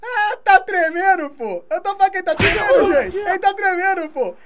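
A Brazilian woman streaming a football video game, commenting live in an excitable, taunting way and swearing often. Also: extremely high pitch, a little fast, background noise. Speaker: gaming streamer.

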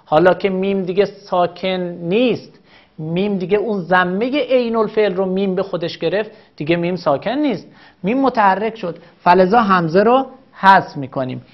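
Patient woman teaching grammar, lo-fi sound. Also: mid-range voice. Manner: patient, methodical, repeats examples slowly. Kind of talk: recorded grammar lesson.

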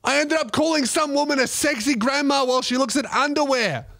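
A young man tells a comedy story in a very high voice. His tone is bright and sharp, and he swears freely while mocking himself. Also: fairly quick, creaky. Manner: profane, animated, self-mocking storytelling. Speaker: comedian host.

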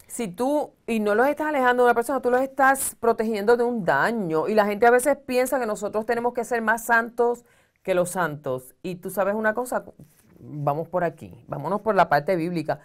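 A middle-aged woman with a fairly high pitch speaks at normal speed as a guest on a studio advice talk show, sitting in an armchair on set. As a social communicator, she offers earnest counsel in a conversational way, gesturing broadly while explaining.

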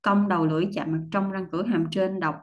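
A woman teaching English pronunciation, explaining patiently step by step and repeating model words, often clearing her throat. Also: medium pitch, fairly even intonation, quick pace. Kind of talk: pronunciation lesson.

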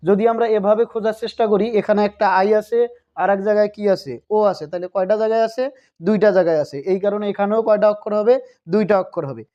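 A man's voice: sits high, steady tone, fast, mellow. A man from Bangladesh teaching a grammar lesson, who keeps asking questions and answering them himself. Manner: asks questions and answers them himself, repeats key points. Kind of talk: recorded video lesson. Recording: dull lo-fi recording.

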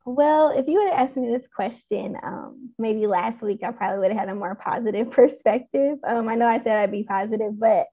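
A woman's voice: a little high, fairly quick, hardly any pauses, dark tone. Candid woman on a dull video call. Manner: candid, thoughtful, with "um" and "like". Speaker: panelist. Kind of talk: panel discussion over video call.

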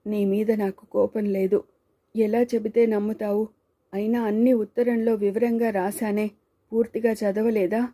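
A quiet, self-blaming man who pleads in a low, subdued voice, as a woman reads him for a storybook. The tone is very dark and mellow and stays flat, with little rise and fall. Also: unhurried, close to an everyday voice. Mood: earnest.

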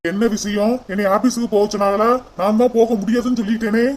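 A lovesick, stubborn young man from a cartoon, voiced by a woman, speaking in a mellow, dark-toned voice. He broods to himself and snaps back when pushed. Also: mid-range voice, flat delivery, quick pace, lightly acted, rough recording. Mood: irritable. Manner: brooding, irritable.

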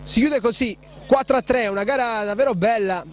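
A man giving breathless, excitable live play-by-play commentary on a futsal match. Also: high-pitched, a little fast. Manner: breathless, excitable, shouting on goals.

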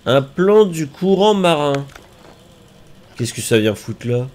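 A man's voice: on the high side, slow. Jumpy French-speaking streamer man. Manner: excitable, yelps and groans, talks to enemies. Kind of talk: live gameplay commentary.

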